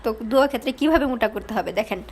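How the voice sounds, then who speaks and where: A woman's voice: fairly high pitch, animated, a little mellow. Patient woman teaching recitation sounds. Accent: Bangladeshi Bengali. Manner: patient, repeats sounds slowly to demonstrate. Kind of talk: explaining pronunciation rules step by step.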